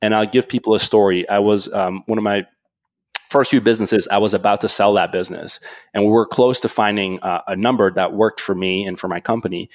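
A man from Switzerland, a guest entrepreneur on a podcast, talking in an animated, casual way full of fillers and restarts. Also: lowish voice, a little fast, no echo. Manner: animated storytelling, frequent "like" and restarts.

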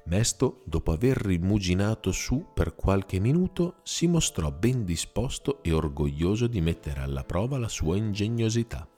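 A man tells a children's fairy tale in a deep, mellow voice. His delivery rises and falls with lively expression, and soft music runs under the reading. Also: moderate pace, hardly any pauses. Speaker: storyteller.

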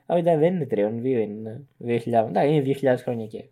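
A man co-hosting a casual podcast, talking animatedly. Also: mid-range voice. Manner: animated, mocking outbursts. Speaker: podcast co-host. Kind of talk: casual chat.

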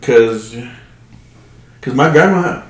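A man's voice: medium pitch, slow pace. A young man chats loosely with friends, posing questions and swearing without much weight. His voice sits in a plain middle range. The room carries a noticeable echo. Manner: relaxed, asks questions, swears casually. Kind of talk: casual podcast chat. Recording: echoey room.

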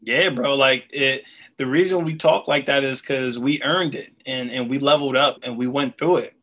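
A man's voice: medium pitch, normal speed, fairly bright tone. A man hosting a podcast, talking casually and motivationally in slang to entrepreneurs. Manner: slangy, hype, addresses listeners as entrepreneurs. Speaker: podcast host.

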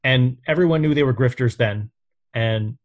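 A man's voice: medium pitch, normal speed, dull audio. A man from New York hosting a casual podcast chat, thinking aloud with a hesitant, musing manner.

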